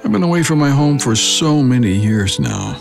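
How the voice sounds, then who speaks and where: An actor playing an old, humble, devout exile praying earnestly in a Bible drama. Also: male voice, medium pitch, lively intonation, normal speed, creaky, music in the background. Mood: grateful, earnest. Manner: earnest, prayerful.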